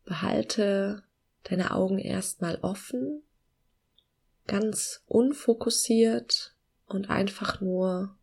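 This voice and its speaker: A woman guiding a meditation in a soft, hushed, soothing near-whisper with long pauses and a breathy voice. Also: medium pitch. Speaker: podcast host guiding a meditation.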